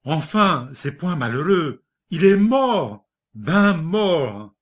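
A man's voice: fairly high pitch, lively intonation, unhurried, sharp tone. A man voicing an old, greedy, hot-tempered peasant farmer who speaks a rural dialect and exclaims a lot. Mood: gleeful.

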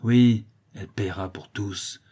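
A brutal blind old brigand, played by a man in a storybook reading. His low, dark voice growls with bitter menace and a husky grain. He sounds worn down and full of hatred. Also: steady tone, takes it slowly. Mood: vengeful.

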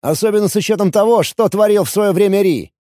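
A man's voice: sits high, fast talker, mellow, no echo, studio quality, voice pushed up, close to an everyday voice. A man reading an audiobook, voicing an irritable, suspicious red-haired violinist who presses with sarcastic questions.

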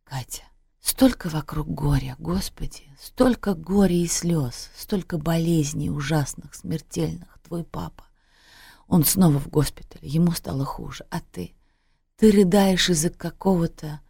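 A woman's voice: deep voice, measured pace, vocal fry, warm tone, slightly rough, no echo, clean studio sound, exaggerated voice. A woman reading a story, voicing a weary middle-aged mother who pleads with her daughter through tears. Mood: weary pleading. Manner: pleading, tearful.

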